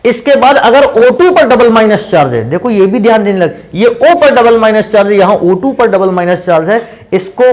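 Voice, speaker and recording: A man's voice: high voice, expressive, normal speed, hardly any pauses. A man teaching a chemistry class in a patient lecture style, often putting questions to his students. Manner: patient, addresses students as "beta" and asks them questions.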